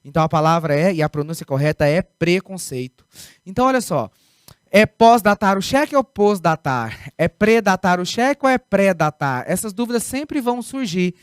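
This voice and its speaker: Emphatic Brazilian teacher, dry close sound. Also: male voice, high-pitched, animated, moderate pace, clear, resonant tone, dry recording. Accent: Brazilian Portuguese. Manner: emphatic, repeats key words, asks rhetorical questions. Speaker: Portuguese grammar teacher. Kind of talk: recorded video lesson.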